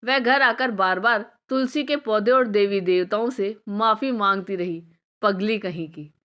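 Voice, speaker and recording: A woman narrating a scripted family story in a measured, emotive way. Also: medium pitch, pushed and bright, clean tone.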